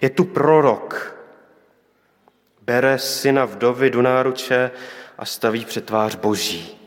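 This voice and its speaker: A man preaching a reflective sermon at a middle pitch, with pointed rhetorical questions. His voice carries a long reverb from the church hall around him.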